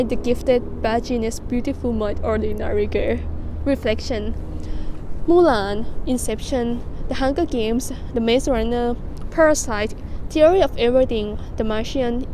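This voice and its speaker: Young woman, Thai accent, high voice, casual vlog explanation, faint street rumble behind. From Thailand. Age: young adult. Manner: casual, frequent "like" fillers. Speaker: student vlogger. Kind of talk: reading essays aloud and explaining them.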